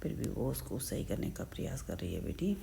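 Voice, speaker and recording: A middle-aged woman talks her viewers through her day in an easygoing vlog. Her voice sits very low and carries a strong, gravelly fry. A faint hiss runs underneath. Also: sing-song, fairly quick, dark tone. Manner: chatty, narrating each step as it happens. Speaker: family vlogger. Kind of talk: casual vlog narration.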